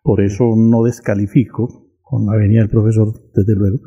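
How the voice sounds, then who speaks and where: A man on a radio panel, speaking formally in measured, elaborate sentences. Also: on the low side, little pitch movement, mellow, breathy edge, highs cut off. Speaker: studio panelist.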